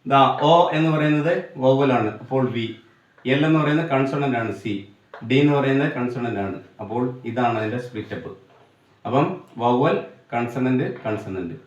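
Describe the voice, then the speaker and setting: A man with a Malayali accent teaching an English grammar lesson for exam students, going step by step, asking and answering his own questions and slowing down to spell out English examples. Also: mid-range voice, reverberant, far from the mic, highs cut off.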